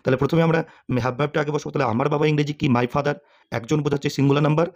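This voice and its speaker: Man, somewhat high voice, grammar teacher, answers his own questions, frequent check-ins. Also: steady tone, racing, a little mellow. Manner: checks in often with tag questions, asks and answers himself. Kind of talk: explaining grammar to students.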